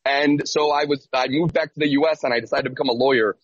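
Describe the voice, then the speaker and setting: A man in his thirties, a lawyer born in Syria and raised in the United States, answering interview questions in an earnest, measured way. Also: mid-range voice, fairly even intonation, slightly rough, no room sound. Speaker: lawyer and guest. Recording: slightly dull lo-fi audio.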